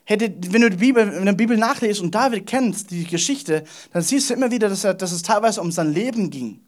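A man preaching a sermon, swinging between loud emphasis and quiet asides, often repeating words and speaking straight to the listener. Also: high-pitched, expressive, fast. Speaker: pastor.

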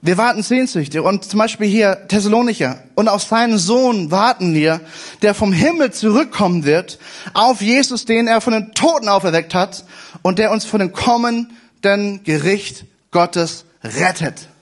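A man's voice: high-pitched, animated, moderate pace. A man preaching a sermon to a congregation, emphatic and repeating phrases for stress.

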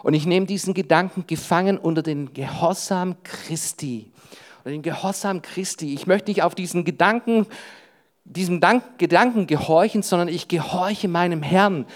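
Male preacher, family man, youth sermon, punchy and direct, peppered with "hey", sinks his voice low for inner thoughts. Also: moderate pace. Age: adult with wife and children. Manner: emphatic, often breaks in with "hey". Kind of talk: sermon to young people.

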